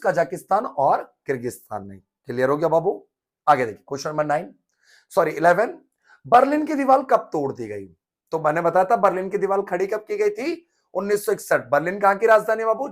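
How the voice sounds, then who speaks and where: A man teaching an exam revision lesson, quizzing and repeating answers in a lively manner. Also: high voice.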